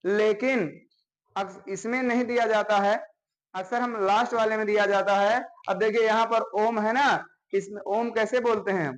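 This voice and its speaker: A man's voice: sits high, steady tone, normal speed, poor audio. A man teaching a grammar lesson to a class. He explains step by step and keeps checking in with his students.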